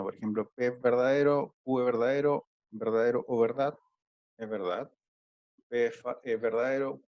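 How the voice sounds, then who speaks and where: A male teacher with a gravelly, creaky voice talks through a math lesson on a video call. He explains each step patiently, and the sound is close and dry with no room echo. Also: medium pitch, dull audio. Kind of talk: online math class.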